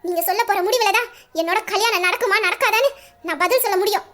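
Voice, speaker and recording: Brief: a woman voicing an earnest young woman on the verge of tears, very high and fast, pleading, sobs breaking through. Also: a bit bright. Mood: tearful pleading. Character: young woman, earnest, torn and tearful bride-to-be. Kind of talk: Tamil audio drama acting.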